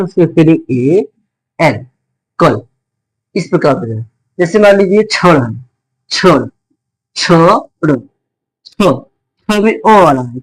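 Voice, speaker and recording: A man's voice: on the high side, rough recording. A man teaching a spelling lesson in a repetitive way, asking and then answering his own questions.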